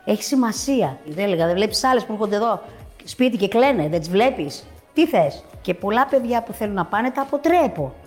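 A middle-aged woman talks as a guest on a casual chat show. She tells her story in a lively, laughing way, her voice rising and falling a great deal. Soft music plays faintly behind her. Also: medium pitch.

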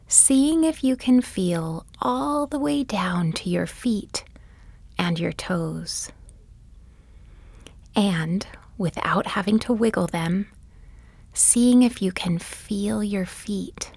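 A woman guiding a bedtime body-scan meditation, speaking softly and gently, often in a whisper. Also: mid-range voice, lively intonation, dry recording. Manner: soft, often whispered delivery; gentle, soothing and unhurried. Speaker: meditation guide.

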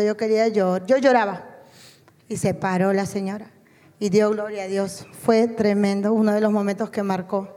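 Woman, church testimony, earnest, emotional, mellow tone, long hall reverb. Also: mid-range voice. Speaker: mission trip member giving testimony.

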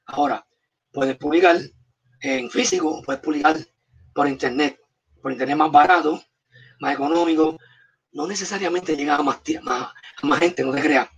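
Speaking at a normal pace in a fairly high, husky voice with vocal fry, this Puerto Rican comics artist shares stories during a relaxed interview. He's emphatic, firing off punchy advice as brief commands. Audio comes through a distant, muffled, dull microphone.

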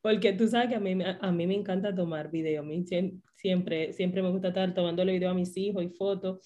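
A woman hosting a casual interview, talking warmly and affirming her guest. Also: on the low side, steady tone, a little fast, highs cut off. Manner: warm, affirming, conversational. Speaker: interview host.

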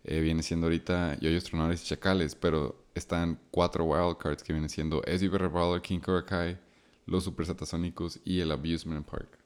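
A man's voice: deep voice, little pitch movement, moderate pace, clean tone. A man with a Mexican Chicano accent doing casual sports banter as a co-host, slangy and mixing in English terms. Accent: Mexican Spanish with Chicano flavor. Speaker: sports league podcast co-host.

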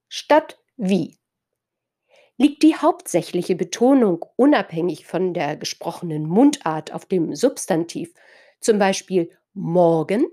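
With a warm, medium-pitched voice, a woman from northern Germany delivers a reflective spoken essay. She is thoughtful and playful with words and speaks directly to her listeners.

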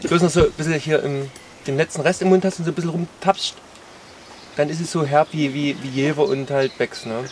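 A man's voice: a little high, fairly even intonation, fairly quick, crowd noise. A man musing over the flavors in a casual group chat.

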